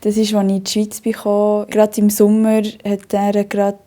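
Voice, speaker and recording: Speaking a little fast in a monotone, mellow, medium-pitched voice, a young Bernese Swiss German woman shares her story in an interview. She often bursts into hearty laughter and talks at length, with lots of fillers and false starts.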